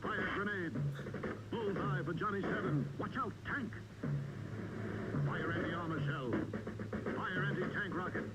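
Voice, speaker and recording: A man giving a punchy, energetic toy commercial voice-over, with the sound playing only in the left channel. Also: high voice, measured pace, pauses often. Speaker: commercial announcer. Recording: loud hiss on an old ad recording.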